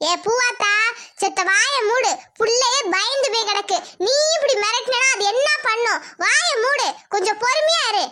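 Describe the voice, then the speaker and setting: A woman's voice: very high voice, normal speed, noisy background. A woman voicing a stern but kindly village headwoman in a cartoon, commanding and reassuring. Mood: scolding. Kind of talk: cartoon comedy voice acting.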